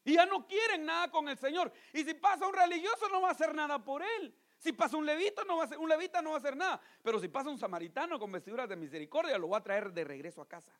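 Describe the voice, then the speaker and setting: A man preaching a sermon, moving between loud pleading appeals and hushed asides, often calling his listeners brother. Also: very high-pitched, expressive, quick pace, hardly any pauses. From Guatemala.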